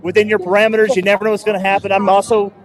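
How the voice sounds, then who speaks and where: Outdoors at a loud street festival, a man hosts a live street broadcast on a handheld microphone, rambling upbeat and joking. His high voice comes rapid-fire with a level tone.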